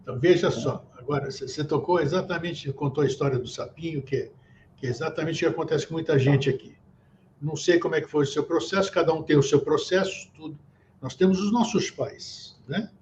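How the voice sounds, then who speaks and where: A man's voice: a little high, a little fast, darkish tone. A man hosting a talk show, chatting and picking up on his guest's points. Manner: conversational, builds on the guest's points. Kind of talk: casual chat. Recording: slightly dull recording with faint noise.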